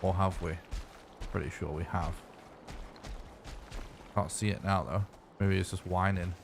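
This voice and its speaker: A man streaming a speedrun, thinking aloud in relaxed, muttered commentary. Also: low-pitched, measured pace, vocal fry, slight background noise. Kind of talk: casual gameplay commentary.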